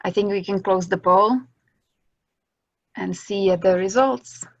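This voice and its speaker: A woman moderates an online session with a gravelly, fry-tinged voice. The recording is dry and dull, with a lo-fi sound. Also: medium pitch, slow pace, no room sound. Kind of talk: running an online poll.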